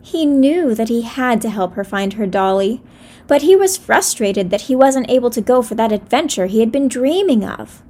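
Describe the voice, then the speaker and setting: Gentle woman reading a children's story. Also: on the high side, lively intonation, moderate pace.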